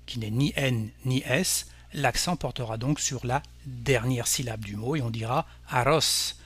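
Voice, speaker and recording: A man teaching a language lesson, explaining rules slowly and carefully with example words. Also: medium pitch, dry recording. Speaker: Spanish teacher. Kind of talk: scripted language lesson narration.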